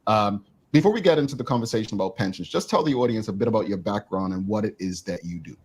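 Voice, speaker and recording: Chatty husky male talk show host. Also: fairly low pitch, fast. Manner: lively, chatty, joking. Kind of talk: casual radio talk show hosting.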